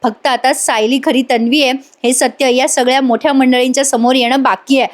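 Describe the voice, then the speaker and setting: A high-pitched woman with a Marathi accent narrates a TV serial recap as a voice-over. She chats straight to her viewers and slips into each character's lines as she tells the story. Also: steady tone, a little fast. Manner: chatty, addresses viewers directly, acts out characters' lines. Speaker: TV serial reviewer.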